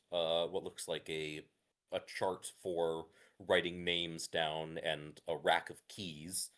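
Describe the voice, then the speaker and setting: A man narrating as game master for a tabletop game, halting with many fillers. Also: low voice, fairly bright tone.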